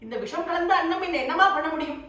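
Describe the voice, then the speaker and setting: Figure: young boy prince voiced by a woman. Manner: calm, fearless, devout. Pitch: high and lifted. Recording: very echoey hall, speaker far from the mic. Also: fast talker. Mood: serene, assured.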